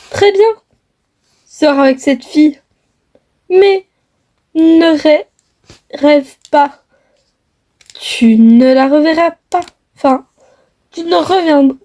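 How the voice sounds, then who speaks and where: Woman doing a shrill snobbish mother. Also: takes it slowly, long pauses, warm tone. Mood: indignant. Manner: shrill, indignant scolding. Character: snobbish bossy mother, scornful of the poor. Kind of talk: homemade family skit.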